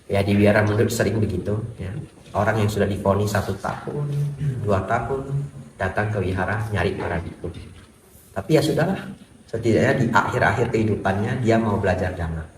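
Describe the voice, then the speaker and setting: A man, a Buddhist monk, gives a lively sermon full of humor and rhetorical questions in a temple hall. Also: on the low side, a little fast, background noise. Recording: echoey hall, far from the mic.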